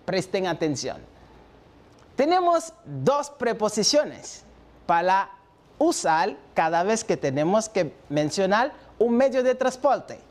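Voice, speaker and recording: A man leads a televised French lesson, moving back and forth between French and Spanish as he drills vocabulary. He speaks slowly, with a lively, rising-and-falling melody. He praises each answer with encouragement. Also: high-pitched. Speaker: French teacher.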